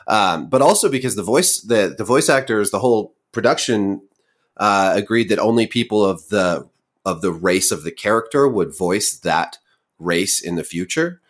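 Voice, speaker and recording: A man hosting a podcast, talking in a thoughtful, relaxed way and laughing easily. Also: lowish voice, moderate pace. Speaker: podcast host. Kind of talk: casual conversation.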